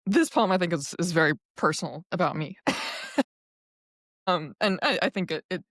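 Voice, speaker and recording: A woman poet from New York talks through her ideas in an interview, pausing to find the right words as she goes. Her voice sits somewhat low for a woman. The sound is close and dry, with no room around it. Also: animated, fairly bright tone, dry recording. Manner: thoughtful, searching for words. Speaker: poet and guest. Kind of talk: interview conversation.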